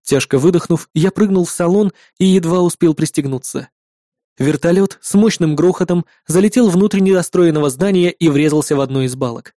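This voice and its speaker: A man reading first-person audiobook narration in a gruff, sardonic manner. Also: fairly high pitch, brisk, warm tone, no room sound, studio quality.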